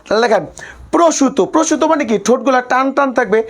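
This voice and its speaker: A man with a very high, fast voice teaches a live online class. He says each point several times, relies on a habitual filler phrase, and playfully teases his students between explanations.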